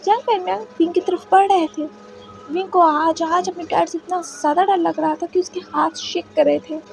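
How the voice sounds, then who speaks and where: A woman's voice: very high voice, fairly even intonation, normal speed, creaky, a little mellow, soft background music, poor audio. A woman narrating a fan fiction story in a dramatic retelling. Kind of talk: fanfiction narration.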